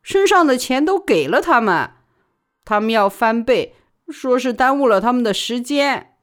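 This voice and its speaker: A woman doing a shrill frightened vendor woman. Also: sing-song, normal speed. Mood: anxious. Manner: shrill, desperate. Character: frightened middle-aged street vendor woman. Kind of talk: audiobook character voice.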